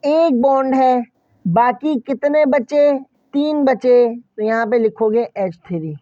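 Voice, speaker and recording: Muffled and without room sound, the recording catches a man with a very high, mellow voice taking his chemistry lesson slowly. He speaks straight to his students, asking and answering his own questions while repeating key points.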